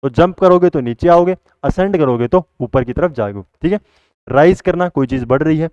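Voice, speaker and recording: Man teaching vocabulary with quick questions. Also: a little high, lively intonation, darkish tone, clear, resonant tone, no room sound, highs cut off. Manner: asks the class a question, then answers it himself. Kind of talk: Hindi vocabulary lesson.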